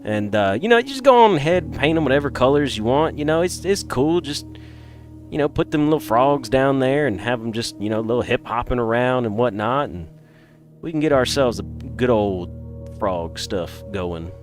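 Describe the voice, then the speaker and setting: A man's voice: mid-range voice, lively intonation, moderate pace, soft background music, close to an everyday voice. A man voicing a folksy, drawling country guy in an exaggerated Southern accent. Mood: folksy, hammy.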